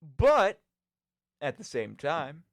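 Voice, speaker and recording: Speaking extremely slowly in a fairly high voice, a man hosts a podcast and radio show with no room sound in the recording. He rambles about video games in an animated, emphatic way, often asking "right?" to make sure listeners are with him.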